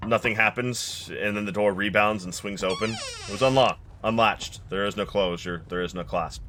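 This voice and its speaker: Bright, forceful male game master narrating. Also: on the low side, a little hiss or hum. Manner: ornate, deliberate storytelling. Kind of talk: dramatic tabletop game narration.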